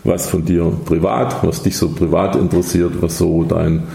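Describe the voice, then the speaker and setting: Deep gravelly man hosting an interview. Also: level tone, moderate pace, dark tone, echoey room. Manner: rambling, hesitant questions. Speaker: interview host. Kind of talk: casual interview.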